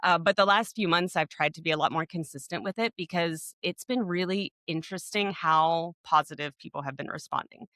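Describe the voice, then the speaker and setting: A woman's voice: on the low side, a little fast, few pauses, a bit bright, no echo, clean studio sound. A woman, co-hosting a podcast, telling a story in a rambling way full of restarts and fillers. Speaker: podcast co-host. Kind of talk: casual podcast chat.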